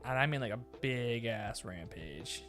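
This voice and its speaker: A man's voice: mid-range voice, expressive, unhurried, fairly bright tone, faint music behind. A man chatting casually on a live stream, rambling with many fillers and restarts.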